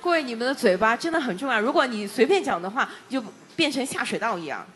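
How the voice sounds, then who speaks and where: A woman interpreting a sermon phrase by phrase in a church, in a measured, unhurried way. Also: a little high, very animated, a bit bright, a little hiss or hum. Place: church sanctuary.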